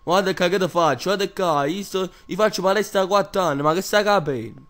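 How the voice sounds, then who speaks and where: Man playing boastful gym tough guy, Neapolitan accent, crude street slang, fairly high male pitch, comedy dub. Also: fairly quick, lightly acted. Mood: boastful, indignant. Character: cocky, touchy Neapolitan gym braggart. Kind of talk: comic parody dub.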